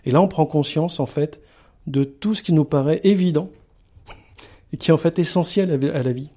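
A middle-aged man from the Paris region, speaking as a guest in a radio interview and pausing often with fillers. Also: fairly high pitch, mellow. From Paris region, France. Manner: halting, many filler pauses. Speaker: sanctuary communications manager, guest.

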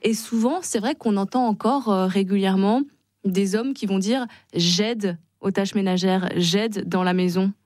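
A woman hosting a radio talk show, presenting clearly and smoothly. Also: mid-range voice, measured pace, darkish tone, dry recording, clean studio sound. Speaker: radio host.

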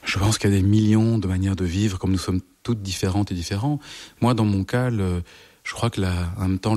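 A middle-aged man from France, a psychologist guest, recounting his life slowly and reflectively while searching for his words. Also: lowish voice, darkish tone. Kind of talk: personal interview testimony.

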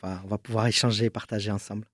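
A man from Marseille, in his thirties, a guest in a studio interview, talking in a relaxed and hesitant way with many fillers. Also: on the low side, racing, no echo. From Marseille, southern France. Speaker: guest, school photographer. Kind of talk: interview conversation.

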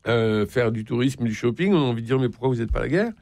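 Gravelly-voiced male interviewer. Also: medium pitch, lively intonation, a little mellow, no echo. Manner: reads passages with measured delivery. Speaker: interviewer, host. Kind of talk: interview, reading excerpts aloud.

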